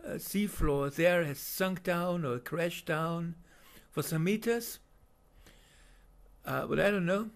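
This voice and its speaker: His voice sits a little high as he improvises commentary over video footage. He has a German accent and keeps pausing, filling gaps, and starting over.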